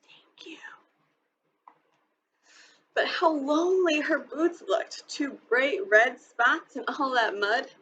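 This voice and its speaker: A woman teacher reading a children's novel aloud, expressive and clear. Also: high-pitched, slow pace, few pauses, muffled recording, a little hiss or hum. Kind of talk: storybook read-aloud.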